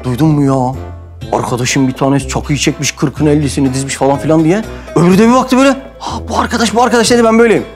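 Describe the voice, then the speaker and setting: A man from Mersin, Turkey hosting and telling a comic anecdote in a lively way, acting out quoted voices. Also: on the high side, racing, faint music behind. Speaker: host and storyteller. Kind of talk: animated comic anecdote storytelling.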